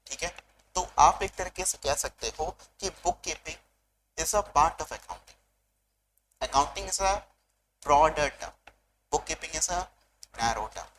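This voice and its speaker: A male commerce teacher giving a revision lecture, mixing Hindi and English, asking questions and answering them himself, and reading out definitions slowly. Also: on the high side, expressive, noisy background. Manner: switches between Hindi and English mid-sentence. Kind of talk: online exam revision lecture.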